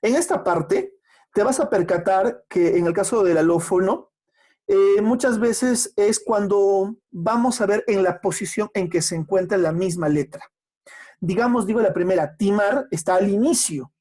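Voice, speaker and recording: A secondary school teacher gives a remote class. The teacher explains patiently, asks questions and answers them, and slows down to spell out sounds. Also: medium pitch, dark tone. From Peru.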